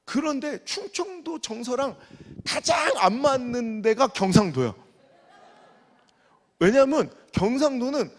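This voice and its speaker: A middle-aged Korean pastor with a very high voice preaches a revival sermon in a large church sanctuary, telling lively stories. He acts out dialogue in dialect and swings from quiet asides to loud bursts. The recording carries the long reverb of a church hall.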